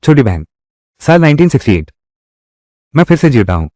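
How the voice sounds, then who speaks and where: A man's voice: a little high, big pitch swings, a little fast, a little mellow, no echo, studio quality. A man narrating a dubbed drama recap and reading every part himself in one voice. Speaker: dubbing narrator. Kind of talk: Hindi drama recap dubbing.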